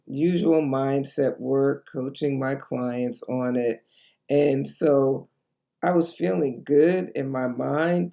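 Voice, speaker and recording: Slow, gravelly woman in her sixties. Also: extremely low pitch, dark tone. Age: 60s. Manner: earnest, encouraging, slow and deliberate. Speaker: life coach. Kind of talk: direct-to-camera vlog.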